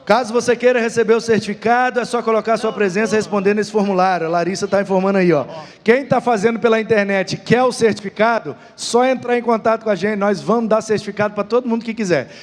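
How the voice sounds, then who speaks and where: Brief: Brazilian man, very high voice, teaching Bible class, long hall reverb. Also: fast. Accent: Brazilian Portuguese. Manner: lively, storytelling, rhetorical questions. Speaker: pastor teaching Sunday Bible school.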